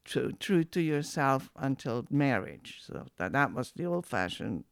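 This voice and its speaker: A woman in her seventies reminiscing in an oral history interview, halting with many restarts. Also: rumbling low, sing-song, no echo, clean studio sound. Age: 70s.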